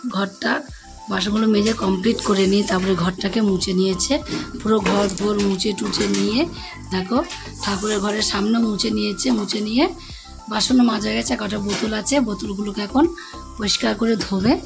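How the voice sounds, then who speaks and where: Soft-spoken woman narrating a home vlog. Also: medium pitch, fairly even intonation, moderate pace, gravelly, over music. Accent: Bengali. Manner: chatty, addresses viewers as friends. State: speaking softly, unwell. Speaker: vlogger. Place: home indoors.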